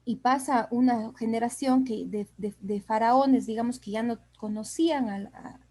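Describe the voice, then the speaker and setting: A woman's voice: on the high side, warm tone. A woman giving a Bible study lesson with slides, talking unhurriedly with fillers and restarts, and reading scripture passages aloud. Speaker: Bible teacher.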